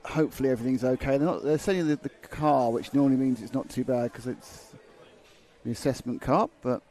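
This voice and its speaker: A man's voice: mid-range voice, fairly even intonation, a little fast, mellow, poor audio. A man commentating live on a kart race, chatty and thinking aloud with restarts. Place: outdoor kart track commentary point.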